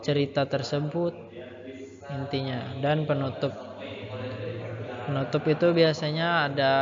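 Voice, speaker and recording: A man teaching a lesson, explaining step by step with patient repetition and a habit of ending phrases with a soft "ya". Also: mid-range voice. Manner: explains patiently, repeats key points, ends phrases with "ya". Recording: muffled, roomy with long reverb and crowd behind.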